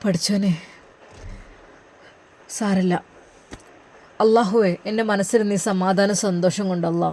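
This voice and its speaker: A narrator voicing a worried, pious young husband, pleading in earnest prayers. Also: male voice, sits high, fairly even intonation, slow pace, long pauses, darkish tone. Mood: anxious. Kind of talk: storybook narration, inner monologue.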